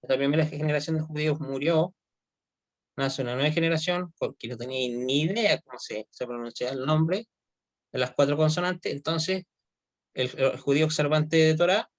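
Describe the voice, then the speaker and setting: A man teaching Hebrew grammar in an online class. He speaks at an unhurried pace and keeps pausing to make sure his students are following. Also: on the high side. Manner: explains slowly, often checks with "¿ya?".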